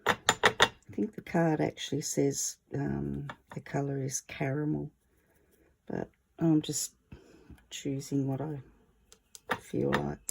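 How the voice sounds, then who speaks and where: A woman's voice: extremely low pitch, flat delivery, slow, gravelly, pauses often, slight background noise, poor audio. A woman with a wheezy voice, short of breath, chatting casually and easygoing as she presents a hands-on art tutorial. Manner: chatty, easygoing, self-deprecating.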